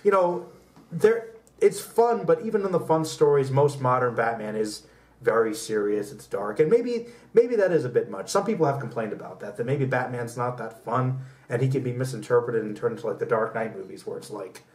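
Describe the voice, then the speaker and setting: With lively intonation, a medium pitch, and a slightly mellow tone, this man talks a little fast while co-hosting a casual pop culture podcast full of rambling opinions and debate. He's recorded far from the mic in an echoey room.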